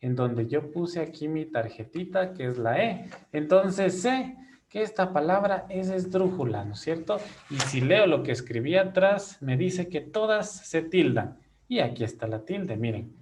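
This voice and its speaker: A man's voice: fairly high pitch, lively intonation, measured pace, a little mellow, a little hiss or hum. A man teaching a classroom lesson, explaining each step patiently and checking in with his students often.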